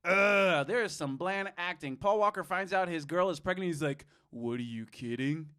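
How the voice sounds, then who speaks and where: Guy rambling on a podcast, cusses a lot, bright kinda high voice. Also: normal speed, clean tone. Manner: rambling, profane, self-interrupting. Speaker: podcast co-host. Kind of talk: casual review chat.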